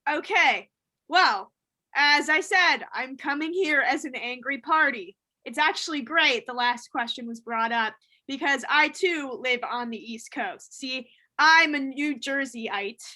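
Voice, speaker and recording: An angry, accusing mother who keeps getting emotional, improvised by a woman. Her voice sits high and bright and comes through a video call. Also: unhurried, low-quality recording. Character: angry grieving New Jersey mother, woman. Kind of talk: improvised comedy role-play.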